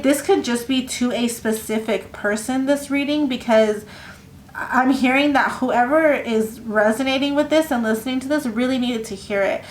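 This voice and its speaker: A fairly high-pitched woman talks through a tarot reading in a loose, meandering way, often stopping to restart a thought. The room around her rings with echo, and a faint ambient hum sits underneath. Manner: rambling, halting, lots of fillers and restarts. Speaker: tarot reader. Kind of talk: casual tarot reading to camera.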